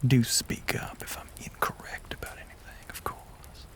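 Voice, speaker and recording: A man plays an ageless vampire, courtly and menacing, with a Southern US accent in an intimate audio roleplay. Lightly acted, he taunts in a breathy, mostly whispered voice, using theatrical, genteel phrasing and long pauses.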